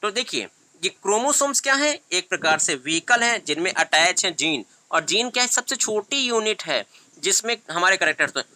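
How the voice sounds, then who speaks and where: A man's voice: high-pitched, very animated, normal speed, sharp tone, no echo. A man teaching biology in an online lecture, mixing English terms into his explanations and asking questions he answers himself. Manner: asks questions and answers them himself, often says "thik hai"; mixes English terms into Hindi.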